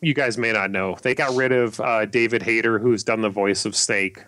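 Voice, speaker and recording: A man hosting a casual podcast chat, rambling and halting with lots of fillers and restarts. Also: lowish voice, steady tone, fairly bright tone, no room sound. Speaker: podcast host.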